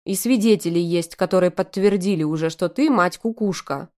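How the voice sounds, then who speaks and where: A woman's voice: fairly low pitch, normal speed, dark tone, natural voice. A woman reading the lines of a stern, angry young father who speaks in cold, clipped growls. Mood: cold anger.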